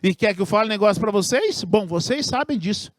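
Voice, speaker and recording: High-voiced man preaching, earnest. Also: animated, no room sound, clean studio sound. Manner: earnest, emphatic preaching with slow stressed phrases. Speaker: pastor. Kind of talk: sermon.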